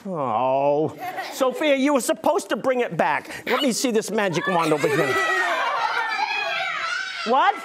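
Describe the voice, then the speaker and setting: Animated, high-pitched kids party magician man. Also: a little slow, long pauses. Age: middle-aged. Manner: kids party magician, theatrical mock exasperation, exclaiming to the audience. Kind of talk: live comedy magic show for kids. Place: small indoor stage before an audience of children. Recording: noisy live room with crowd of children.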